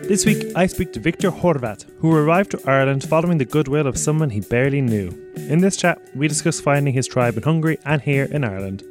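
A man's voice: on the high side, lively intonation, fast talker, soft background music. A man hosting a documentary podcast, reading a scripted introduction and then asking friendly, loosely phrased interview questions. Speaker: podcast host.

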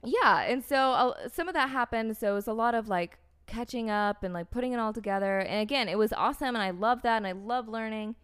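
With a fairly bright, smooth, higher-pitched voice, a young woman from the US talks briskly and barely pauses while recounting a personal story in casual conversation. Her account wanders, peppered with "like" and "um," and she restarts sentences often.

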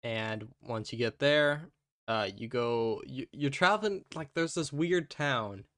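A man hosting a casual gaming podcast, talking in a rambling, halting way with his speech muffled by gauze in his mouth. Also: medium pitch, expressive, a bit bright, no room sound, clean studio sound. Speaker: podcast host.

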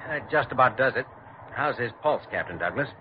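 An actor playing a composed, good-natured doctor in an old radio drama. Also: male voice, medium pitch, expressive, fairly quick, natural voice. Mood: calm, assured. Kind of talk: 1940s radio drama acting. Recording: muffled, hissy old radio recording.

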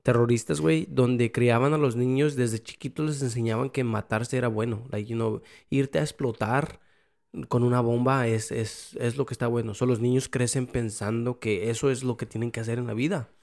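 A man's voice: medium pitch, fairly even intonation, normal speed, vocal fry, a little mellow. A man with a Mexican Spanish accent, a father talking in a loose, rambling way in casual conversation, full of slang and switching into English.

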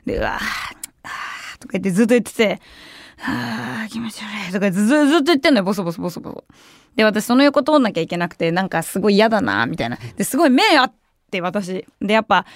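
A woman's voice: medium pitch, very animated, racing, dry recording, clean studio sound. A young woman hosting a radio show, telling a story in a casual, chatty way and acting out the voices of people she quotes. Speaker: radio personality. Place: radio studio.

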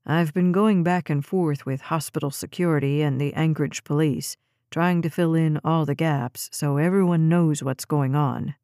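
A steady, caring policeman speaks in a calm, measured way, voiced by a woman reading a novel aloud. His tone sits a little lower than the narration. The recording is dry, with no room sound. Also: no echo, lightly acted. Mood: matter-of-fact. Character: steady caring adult male police officer.

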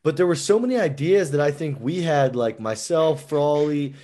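An American man hosting a podcast in casual chat, animated and rambling with lots of fillers. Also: a little high, moderate pace. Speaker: podcast host.

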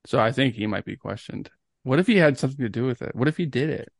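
In casual podcast chat, a young male co-host tells stories enthusiastically, swearing casually along the way. He talks fast with lively intonation and a creaky, medium-pitched voice, in studio-quality sound with no echo.

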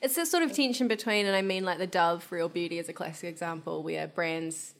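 A woman's voice: lowish voice, fairly quick, creaky. A woman chats as a podcast host. Her talk is loose and giggly, and laughter keeps breaking into her sentences. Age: 20s. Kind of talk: casual chat.

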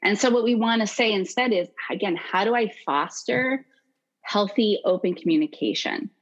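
A woman with a medium-pitched voice appears as a guest on a podcast interview, speaking at normal speed in a recording with the highs cut off. A consent educator, she explains things animatedly and acts out quoted voices.

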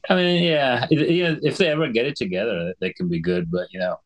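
A middle-aged Sri Lankan man, a physician appearing as a guest in a conversational interview, explains things in a measured way and often clears his throat. His voice sits in the mid range, and the audio quality is poor.

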